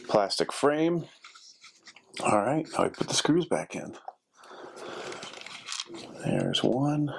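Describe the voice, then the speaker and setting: A man with a mid-range, gravelly voice talks his way through a repair at a carpeted indoor workspace desk, musing aloud in a relaxed DIY-host manner. Slight hiss or hum can be heard.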